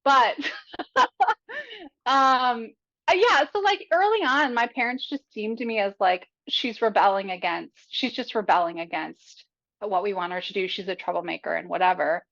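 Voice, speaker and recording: Her voice is medium-pitched, creaky and a bit bright, at a moderate pace. She is a young adult podcast guest giving candid, casual interview talk, chatty and profane, full of fillers, and open about her life, all in dull lo-fi sound.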